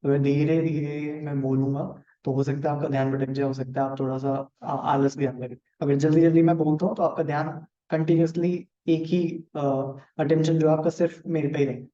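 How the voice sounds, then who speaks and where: A man with an Indian accent teaching a live online class on marketing. He talks fast on purpose and works through examples while checking in with his students. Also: on the high side, flat delivery, dark tone. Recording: echoey room, dull lo-fi sound.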